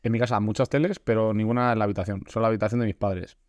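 Guy cohosting, talks super fast, jokey, dry close mic. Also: lowish voice, fairly even intonation, a little mellow, dry recording. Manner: quick, joking, interjects a lot. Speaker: podcast co-host. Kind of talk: casual comedic chat.

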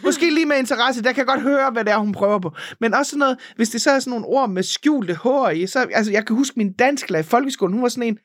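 A woman's voice: on the high side, hardly any pauses, no room sound. Woman podcast cohost ranting, swears a lot, exasperated, dry close sound. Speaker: podcast co-host. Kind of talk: casual chat.

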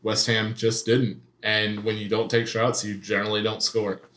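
A man's voice: on the low side, level tone, moderate pace, a bit bright. A man on a casual sports podcast, breaking down the match with stats. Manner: analytical, stat-driven. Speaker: podcast co-host. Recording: echoey room.

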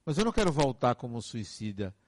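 Male counselor, emphatic advice-giver, expressive pitch, dry recording. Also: a little fast, no room sound. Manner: earnest, advice-giving, emphatic repetitions. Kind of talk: reflective motivational monologue.

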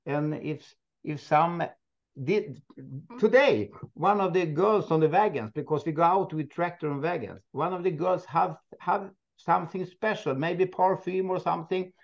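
A Swedish man who owns a moose park, speaking halting, non-native English with many restarts and frequent laughs in a casual interview. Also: a little high, creaky, muffled recording. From Sweden. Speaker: moose park owner, guest.

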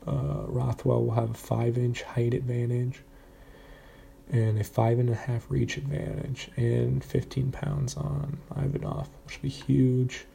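A man's voice: medium pitch, little pitch movement, a little slow, creaky, warm tone, slight background noise. A man casually previewing upcoming fights, talking in a hesitant way with many fillers and restarts. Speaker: fight predictions commentator.

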